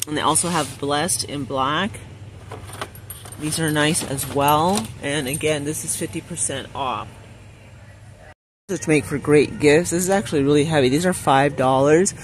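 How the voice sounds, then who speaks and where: Walking an indoor discount-store aisle with his phone in hand, a man vlogs his shopping trip, enthusing about products and announcing deals and prices. He speaks unhurriedly in a fairly high voice over a noisy background.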